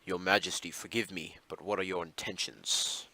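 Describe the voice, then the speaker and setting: A man's voice: deep voice, steady tone, normal speed, creaky, pushed and bright, no echo, pitched below the performer's own voice, exaggerated voice, low-quality recording. A man voicing a loyal male knight captain who speaks deferentially to his king in a game.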